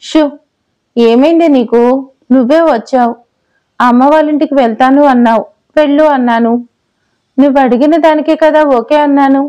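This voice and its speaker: A woman's voice: high voice, normal speed, long pauses, warm tone, highs cut off, close to an everyday voice. Woman voicing a teasing young husband. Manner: playful then exasperated bickering. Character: young husband, teasing, patient office worker. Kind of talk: audio story dialogue.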